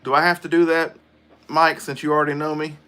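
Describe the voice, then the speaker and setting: A man's voice: on the high side, flat delivery, fairly quick, bright, forceful tone. Chatty man on a livestream. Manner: chatty, answers viewer comments aloud. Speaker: livestream host. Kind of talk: casual livestream chat.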